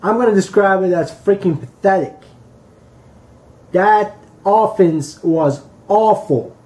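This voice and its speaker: A man hosting a casual sports rant, talking bluntly and halting often on fillers. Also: high-pitched, mellow. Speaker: sports fan vlog host.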